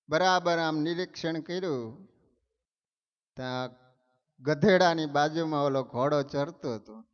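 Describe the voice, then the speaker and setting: A male preacher tells a story in his sermon. He speaks in an animated way, with dramatic emphasis. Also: a little high. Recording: dull sound, long hall reverb.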